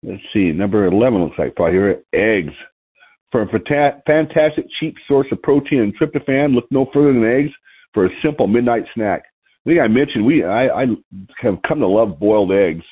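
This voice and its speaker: A man's voice: on the low side, breathy edge. A middle-aged man reading out a list of snack tips and adding chuckling personal asides. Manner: reads items then adds chuckling personal asides. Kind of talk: casual talk, reading a list aloud with asides. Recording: tinny phone-like recording.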